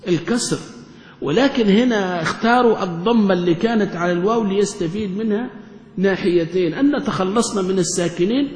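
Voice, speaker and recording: A man leads a grammar class, asking question after question and answering them himself. His voice sits fairly high and carries through a roomy hall with a long echo. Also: a little fast, darkish tone. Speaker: Arabic grammar teacher. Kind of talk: classroom lesson explaining grammar. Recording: echoey hall recording.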